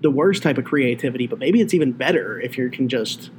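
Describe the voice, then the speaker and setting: A man co-hosting a podcast, talking haltingly and searching for his words. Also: mid-range voice, expressive, a little mellow, slight background noise. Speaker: podcast co-host. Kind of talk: casual podcast chat.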